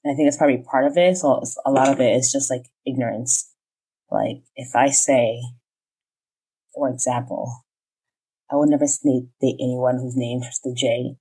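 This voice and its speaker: Very low-voiced young woman, frank. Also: moderate pace, slightly rough. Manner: frank, animated opinions. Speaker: podcast guest. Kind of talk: casual chat.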